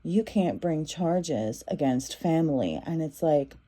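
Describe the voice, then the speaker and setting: Mellow-voiced woman giving a tarot reading. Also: sits low, lively intonation, slow pace. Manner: loose and repetitive, with frequent fillers and restarts. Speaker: tarot reader.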